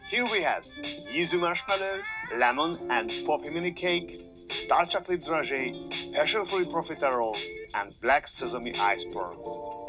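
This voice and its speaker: A man narrates a fine-dining review in a measured, upbeat voice-over, and his pitch moves a lot from line to line. Guitar music plays clearly under him. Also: rough recording. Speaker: food video narrator. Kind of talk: scripted narration. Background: background music.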